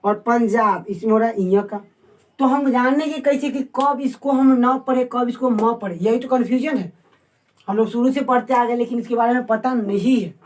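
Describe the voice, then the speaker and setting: Woman, somewhat high-pitched, casual online teacher, repeats words slowly, quizzes the viewers. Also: a little mellow, poor audio. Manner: asks the viewers questions. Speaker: Hindi teacher.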